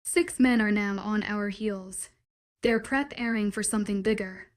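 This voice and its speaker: Woman doing an angry bossy young guy in an audiobook, short clipped orders, mid pitch. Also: fairly even intonation, unhurried, natural voice. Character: angry, commanding young man, protective and forceful.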